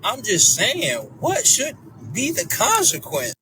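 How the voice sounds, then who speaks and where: A man in his thirties giving an animated, emphatic, profane commentary, full of rhetorical questions. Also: very high-pitched, takes it slowly, background noise. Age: 30s. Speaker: social media creator reacting to a news story. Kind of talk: casual commentary clip. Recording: distant mic with clear background ambience and vehicle sounds.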